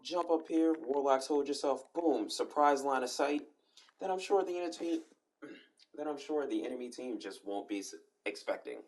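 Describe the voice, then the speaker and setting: A man's voice: mid-range voice, a little mellow. A man hosting a casual walkthrough of a game map, chatty and meandering, often restarting his sentences. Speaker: host giving a game map tour.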